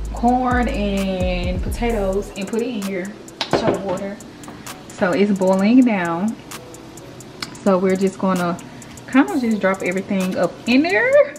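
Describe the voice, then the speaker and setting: A young woman, chatting casually to viewers while she cooks in her home kitchen. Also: mid-range voice. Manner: chatty, loose and informal, talks straight to viewers. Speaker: vlogger. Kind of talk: casual cooking vlog. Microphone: camera mic, filmed by a helper. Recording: background music under the voice.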